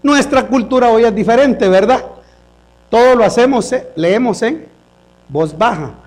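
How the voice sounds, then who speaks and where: A man's voice: very high-pitched, unhurried, a little mellow. A male pastor preaching a sermon at a church service into a microphone, often questioning the congregation and calling them brothers.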